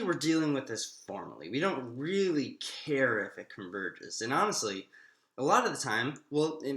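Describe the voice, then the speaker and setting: Working a derivation out loud, a man lectures on mathematics informally while his voice echoes around a roomy space. He speaks haltingly, stretching the gaps between phrases, though his pitch stays lively and varied.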